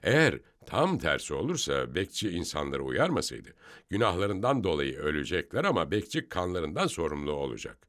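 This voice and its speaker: Man with a deep voice explaining bible verses, swoops up and down a lot, emphatic teacher vibe. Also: very animated, normal speed, fairly bright tone. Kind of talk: scripture study discussion.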